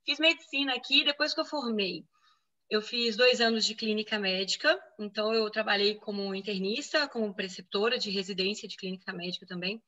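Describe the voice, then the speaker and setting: A woman in her thirties, a physician guest, speaks in a mid-range voice that's a little fast, pushed and bright, though the audio is dull. Born in Venezuela and raised in Brazil, she has a Brazilian Portuguese accent from Minas Gerais and answers interview questions chattily, often tagging on "né?".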